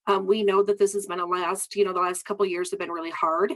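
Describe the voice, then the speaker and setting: A woman's voice: lowish voice, flat delivery, fast talker. A woman speaking on an insurance panel who is losing her voice and talks in a friendly, hesitant way with many ums. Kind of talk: panel remarks.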